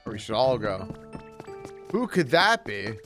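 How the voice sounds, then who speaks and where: Lively excitable male game streamer. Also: mid-range voice, unhurried, music in the background. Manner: excitable, chats with viewers, talks to characters. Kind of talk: casual live game commentary.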